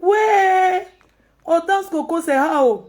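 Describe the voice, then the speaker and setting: A woman's voice: extremely high pitch, slow, a little mellow. A woman with a Cameroonian French accent giving casual live commentary, mocking and scolding with frequent laughter. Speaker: social media commentator.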